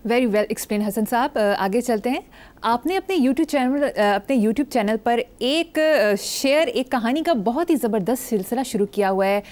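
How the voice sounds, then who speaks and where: A woman's voice: on the high side, animated, unhurried, darkish tone. A woman hosting a talk show who questions her guest in a polite, formal way. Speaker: host.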